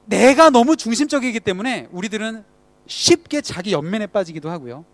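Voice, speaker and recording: A man with a high speaking voice delivers a conversational sermon to a youth group. He keeps asking the congregation questions, and his voice sinks quietly at the ends of phrases. The sound is dry and close. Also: expressive, fairly quick, no room sound.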